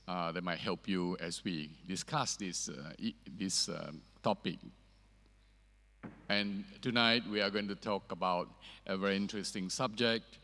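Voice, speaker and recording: A man's voice: low-pitched, fairly bright tone. Male pastor preaching with cathedral echo. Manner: measured, earnest preaching with hesitant fillers. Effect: long cathedral-like echo. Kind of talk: sermon. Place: church sanctuary. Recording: echoey church hall reverb.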